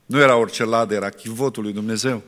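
A man's voice: on the low side, fairly even intonation. Man preaching in an echoing hall. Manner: earnest, rhetorical questions, varies loudness. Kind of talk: sermon.

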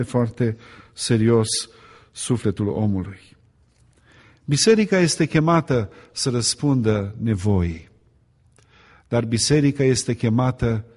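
A man's voice: mid-range voice, pauses often, darkish tone. A man preaching a sermon, addressing the congregation with rhetorical questions and building emphasis by repeating phrases. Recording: long hall reverb.

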